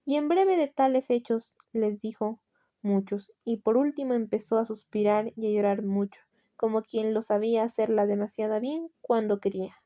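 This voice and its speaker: A woman with a Latin American Spanish accent reading a classic tale aloud as an audiobook narrator, in a steady, measured way. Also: mid-range voice.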